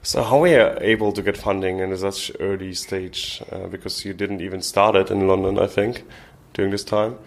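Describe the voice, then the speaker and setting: A man's voice: sits low, fairly even intonation, normal speed, creaky. A man hosting an interview and asking short, friendly questions. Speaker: interview host.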